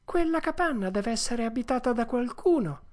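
A woman voicing a cheeky wooden puppet boy in a storybook reading, talking brightly and with emphasis. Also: on the high side, expressive, moderate pace, voice pushed up, close to an everyday voice. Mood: eager.

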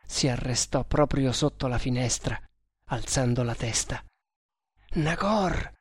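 A reader narrating an adventure novel in a measured, even storytelling manner. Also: medium pitch, no room sound, studio quality. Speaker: audiobook narrator.

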